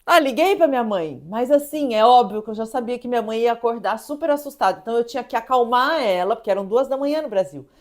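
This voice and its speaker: A woman from Brazil, in her thirties, telling a personal story in a casual, animated way, acting out scenes and laughing as she goes. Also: on the high side, quick pace, few pauses. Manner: animated, laughing, acts out the shouting chef.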